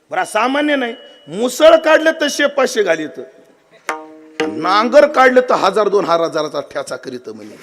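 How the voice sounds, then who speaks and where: Lively high-voiced Marathi kirtan preacher. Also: male voice. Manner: lively storyteller, quizzes the audience, acts out characters' lines. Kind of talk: devotional kirtan sermon with storytelling.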